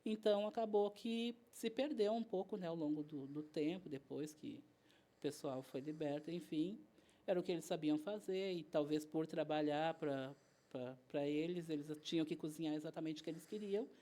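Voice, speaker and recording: In a laid-back interview, a female guest chef with a southern Brazilian Portuguese accent tells her stories chattily, voicing the dialogue as she goes. Her voice is low-pitched and mellow, and her pace is moderate.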